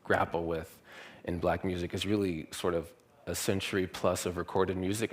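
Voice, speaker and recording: A young man from Louisiana giving a university lecture, relaxed and thinking aloud with many fillers. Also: sits low, slight background noise. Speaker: guest lecturer.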